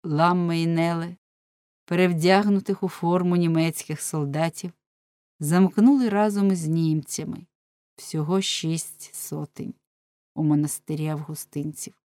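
A woman narrating an audiobook in a measured, solemn way. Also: fairly low pitch, fairly even intonation, warm tone, no echo.

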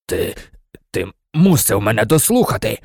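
A man reading aloud, voicing a hoarse, desperate male fugitive. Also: fairly low pitch, big pitch swings, moderate pace, no room sound, studio quality, heavily acted.

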